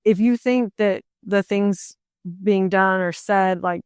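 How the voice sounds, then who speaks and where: A woman's voice: mid-range voice, steady tone, takes it slowly, darkish tone, clear, resonant tone, no echo. A young adult woman co-hosting a podcast, chatting casually about books in a rambling way with many fillers. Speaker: podcast co-host. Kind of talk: casual book chat.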